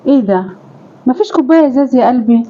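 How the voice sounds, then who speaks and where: Woman acting weary Egyptian mother-in-law, high voice, talks fast, plaintive sighs, dull lo-fi sound. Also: animated, mellow, a little hiss or hum. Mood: hurt, protesting. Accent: Egyptian Arabic. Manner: plaintive, sighing appeals to God. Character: weary older mother-in-law, long-suffering and pleading. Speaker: actor in a family sketch. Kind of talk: homemade family drama sketch.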